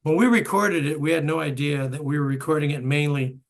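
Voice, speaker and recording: Seventies male host, gravelly, chatty storyteller. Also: on the high side, fairly even intonation, fairly quick. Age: 70s. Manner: storytelling, chuckling asides. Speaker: host and bandleader. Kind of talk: reminiscing interview chat.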